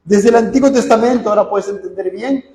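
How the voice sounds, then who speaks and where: A man preaching a sermon, retelling scripture and putting questions to the congregation before answering them, swinging from loud outbursts to low asides. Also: fast, reverberant, poor audio.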